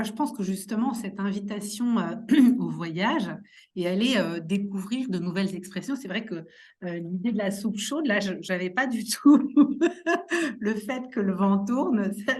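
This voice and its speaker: A woman's voice: medium pitch, animated, unhurried, a little mellow. A woman moderating a webinar panel, courteous and hesitant, with many fillers as she asks her questions.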